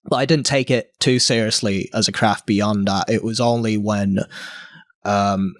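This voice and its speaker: A young man from Hong Kong, a guest artist in a casual interview, talking haltingly with many fillers and restarts. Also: fairly low pitch, fairly even intonation, no room sound, studio quality.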